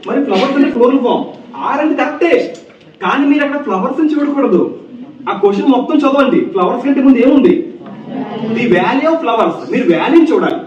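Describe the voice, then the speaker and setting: A man's voice: extremely high pitch, lively intonation, fast talker, darkish tone. A male English grammar teacher in a classroom, repeating key points and firing questions at his students. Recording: echoey, distant, dull classroom recording.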